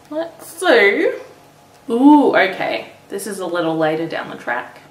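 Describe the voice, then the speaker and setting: A woman's voice: mid-range voice, reverberant. An Australian woman in her twenties reading her old diary aloud in a casual, self-mocking, embarrassed and amused way. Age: 20s. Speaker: vlogger reading own teenage diary. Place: small room indoors.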